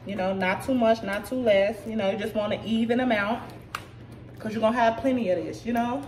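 A woman's voice: a little high, fairly quick, darkish tone. A woman in her thirties, a little tipsy, chatting to viewers as she walks through a home recipe in her kitchen. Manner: chatty, talks to viewers as "y'all". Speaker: vlogger cooking at home. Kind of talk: casual cooking walkthrough. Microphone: camera set back at counter. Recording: distant camera mic with room noise.

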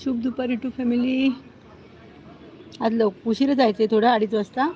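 A woman's voice: fairly high pitch, fairly even intonation, normal speed, warm tone, muffled recording, a little hiss or hum. A woman hosting a casual live stream at home, cooing baby talk to her cat and dog and scolding them sharply. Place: outdoors at home near a gate.

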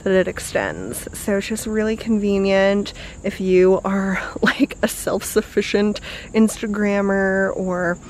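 A young woman talks casually to the camera as a beauty vlogger. She is bubbly and chatty, her sentences strung together with fillers and quick laughs. She records indoors at home. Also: mid-range voice, expressive, a little hiss or hum. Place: bedroom indoors, later outdoors on a porch.

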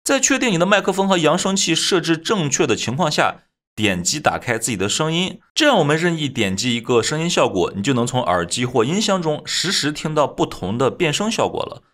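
A man narrating a scripted software tutorial as its host, explaining things step by step. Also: a little high, very animated, brisk.

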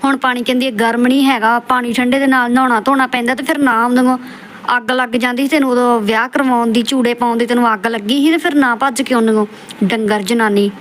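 Talking fast with fairly even intonation, a woman with a voice on the high side scolds and insults the subject of a clip. As a roast channel host, her commentary is lecturing and scornful.

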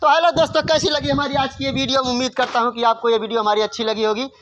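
A man's voice: very high-pitched, little pitch movement, fast talker, fairly bright tone, lo-fi sound, slight background noise. A man giving a courteous, earnest outro to his comedy video audience. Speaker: sketch creator.

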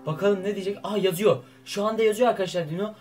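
A young man vlogging while he plays a game, excitable, swinging between loud outbursts and muttering. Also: high voice, fast talker, soft background music. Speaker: YouTuber. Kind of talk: excitable gaming vlog.

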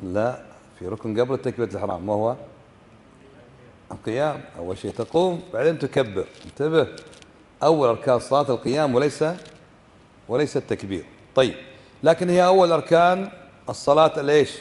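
A man with a Kuwaiti Arabic accent, a sheikh teaching fiqh, gives a religious lesson explaining a book, often questioning the class and demonstrating how words are pronounced. His voice is medium-pitched and darkish with lively intonation. He talks quickly with frequent pauses, and the recording has a long reverb tail.

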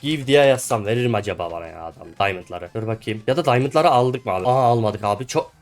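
A young man giving live commentary on a video game, excitable and quick to shout and laugh at his teammates. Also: fairly low pitch, soft background music. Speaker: gaming YouTuber.

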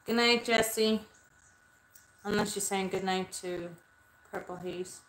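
A woman in her thirties, a spiritual medium, rambles and swears freely while chatting casually with livestream viewers from a small red-lit bedroom. Her medium-pitched voice is steady, fairly bright and unhurried. The desk-distance webcam gives a reverberant, rough recording.

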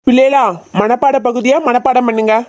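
A woman's voice: on the high side, steady tone, fairly quick, warm tone, slight background noise, lightly acted. A woman voicing a stern tuition teacher in a cartoon, scolding and bossy.

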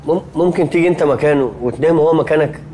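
A man playing a jittery, fast-talking young guy. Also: fairly high pitch, warm tone, a little hiss or hum, natural voice. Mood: anxious. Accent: Egyptian Arabic. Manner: fast, anxious, fussy complaining. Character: jumpy nervous young man, easily spooked. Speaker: Saif, comic film character. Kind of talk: Egyptian comedy film acting.

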